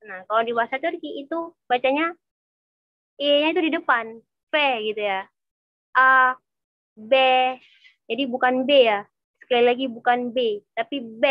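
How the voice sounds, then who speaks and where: A woman teaching an online Turkish lesson, patiently repeating each sound slowly for her learners. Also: high voice, dry recording. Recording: dull, slightly lo-fi dry recording.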